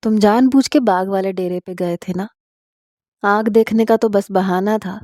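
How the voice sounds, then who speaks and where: A woman reading the part of a shy, anxious married noblewoman, speaking softly and teasingly. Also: medium pitch, fairly even intonation, no echo, clean studio sound, natural voice. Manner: soft, hushed and teasing. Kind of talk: dramatic audiobook reading.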